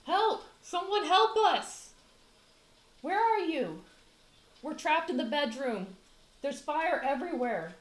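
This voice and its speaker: A woman's voice: high voice, big pitch swings, takes it slowly, pauses often, voice pushed up, heavily acted. A woman voicing a panicked family member trapped in a burning house, screaming for help in an echoey room.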